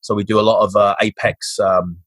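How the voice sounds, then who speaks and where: A man's voice: fairly low pitch, flat delivery, fairly quick, a bit bright, dry recording. A man from London's East End with a Cockney accent, a fitness coach talking as a podcast guest in an upbeat, motivational way, often restarting his sentences. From East End of London, England. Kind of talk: casual interview talk.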